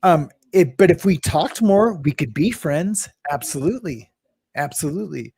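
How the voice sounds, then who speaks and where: A man's voice: a little high, animated, moderate pace, vocal fry, darkish tone, husky. A man hosting a casual livestream, rambling and restarting, greeting viewers from the chat. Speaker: livestream host.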